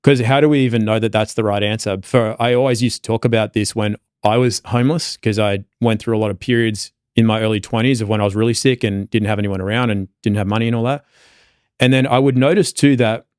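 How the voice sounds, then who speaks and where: An Australian man speaking in a fairly low voice as a podcast guest. He thinks aloud in a loose, meandering way, leaning on lots of fillers. The recording is close and dry, with no room sound. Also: fairly even intonation, fast talker, darkish tone, clean tone, dry recording. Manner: reflective, loose and rambling, many fillers. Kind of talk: casual conversation.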